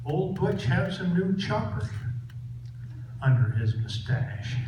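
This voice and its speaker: A man's voice: high voice, sing-song, slow. Folksy male tall-tale poet, cowboy twang, leisurely pace, far-off mic in a very echoey room. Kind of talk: live cowboy poetry recitation. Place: echoey room, live event. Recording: echoey hall from far off, loud noise.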